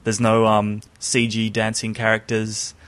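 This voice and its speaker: A man with a fairly low voice talking casually about films. He wanders through side remarks and keeps correcting himself mid-sentence as he goes. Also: monotone, measured pace, a bit bright. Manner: rambling, full of asides and self-corrections.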